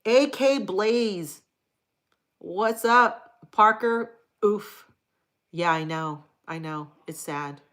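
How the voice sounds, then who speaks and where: A woman with a medium-pitched, somewhat bright voice talks very slowly as she hosts a live stream. Originally from Hawaii, she reads chat comments aloud and answers them in a crude, blunt, casual way.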